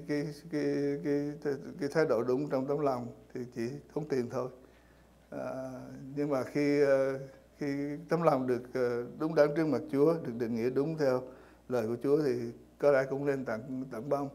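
A man preaches to his congregation in a mellow, warm voice, pausing often on fillers and repeating words as he searches for the next phrase. His delivery is unhurried and plain, the pitch sitting in an ordinary middle range. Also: fairly even intonation. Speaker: pastor. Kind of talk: sermon. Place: church.

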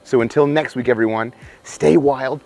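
A man, hosting a wildlife show outdoors by a cave, presenting with excited, emphatic showmanship on a lapel mic. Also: mid-range voice, moderate pace, vocal fry. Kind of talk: enthusiastic outdoor nature presenting. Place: outdoors by a cave in open country.

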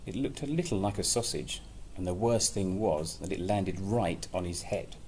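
This is a low-pitched, somewhat dark male voice at normal speed: a man in his thirties giving an expressive reading of a picture book, with playful, chatty asides between passages. He is in a small, plain room like an office, and the recording picks up plenty of room noise.

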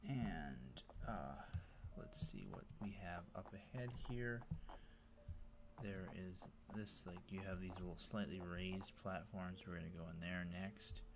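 Man, very low voice, loose enthusiastic game-tour commentary; hissy home recording. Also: a little slow. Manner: rambling, filler-heavy, enthusiastic. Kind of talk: casual gameplay commentary.

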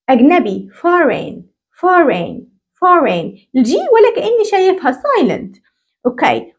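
A woman with an Egyptian accent giving a teacher-training English lesson. She asks questions and answers them herself, and repeats English words slowly. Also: high-pitched, dull audio. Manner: animated, drawing out English words slowly for repetition.

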